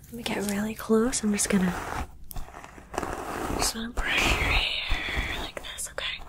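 Woman, whispered ASMR roleplay, medium pitch, soothing repetition, playful, speaks directly to listener. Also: steady tone. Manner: soft whispering, slow repetitive soothing phrases. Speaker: ASMR creator.

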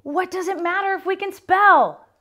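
A woman's voice: extremely high pitch, moderate pace, fairly bright tone, voice pushed up. A woman reading aloud and voicing an upset schoolboy who thinks nothing matters anymore. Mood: despairing. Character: upset boy student, gloomy and defeated.

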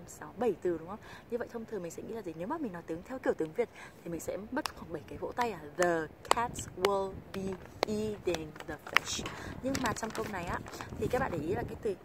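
A woman from Vietnam teaching English pronunciation in a video lesson, patiently explaining and slowly modeling example sentences. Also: medium pitch, noisy background. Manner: patient, repeats example phrases slowly and clearly.

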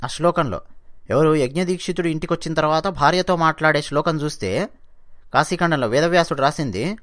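A man narrating a devotional story, explaining verses politely and chanting them slowly. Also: fairly high pitch, fairly bright tone, dry recording, studio quality. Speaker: religious storyteller.

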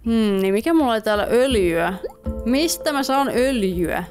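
A young woman from Finland chats her way through a game, reading its lines aloud and talking straight to her viewers. Her voice sits a little high, and soft music plays underneath. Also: animated. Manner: chatty, reads game dialogue aloud, talks to viewers. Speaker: gaming YouTuber. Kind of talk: casual let's-play commentary. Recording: faint music behind voice.

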